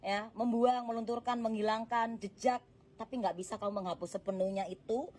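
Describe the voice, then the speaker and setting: A woman reads tarot cards in a casual, chatty way, speaking softly and straight to the listener. Her voice sits at a middle pitch. A faint noise hums under the recording. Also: steady tone, a little fast. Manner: gentle, chatty, addresses the viewer directly, laughs often. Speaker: tarot card reader. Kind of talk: casual tarot reading monologue.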